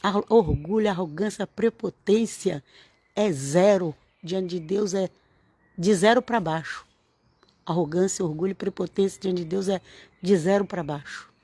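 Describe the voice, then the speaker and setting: A woman's voice: on the low side, a little slow, mellow, husky, no echo. A woman, giving an informal, earnest sermon-style talk to camera and repeating phrases for emphasis. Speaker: religious vlogger.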